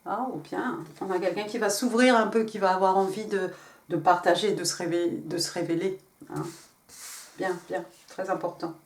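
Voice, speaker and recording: A woman's voice: lowish voice, fairly even intonation, normal speed. A woman giving a casual tarot reading, chatty, stumbling over and repeating words and laughing at herself. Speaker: tarot reader. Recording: roomy, mic at a distance, faint noise.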